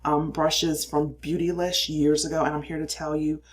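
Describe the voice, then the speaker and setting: A woman's voice: sits low, little pitch movement, normal speed. An older woman chatting casually through her makeup routine in a cramped little space, explaining as she goes and poking fun at herself. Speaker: makeup reviewer.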